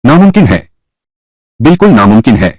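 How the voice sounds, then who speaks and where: A wealthy older father, stubborn and scornful, who waves ideas away with flat certainty. A man voices the part, his pitch swinging widely over a husky, breathy grain. The sound is close and dry. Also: moderate pace, no room sound. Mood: emphatic. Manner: dismissive, emphatic. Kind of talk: Hindi dub of a drama.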